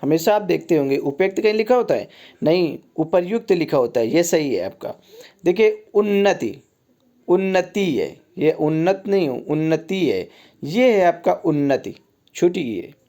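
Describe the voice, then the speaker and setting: Mellow-voiced man teaching spelling drills. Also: on the high side, sing-song, moderate pace. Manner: repetitive teacher, keeps saying "ठीक है" and contrasting wrong and right forms. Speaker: Hindi exam tutor. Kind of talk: exam-prep lesson on spelling.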